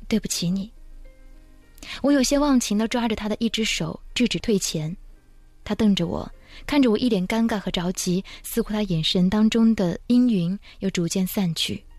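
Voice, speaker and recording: Woman host, calm measured storytelling, dry close mic, soft music underneath. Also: medium pitch, dry recording. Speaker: host and reader. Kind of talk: scripted story narration. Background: faint background music.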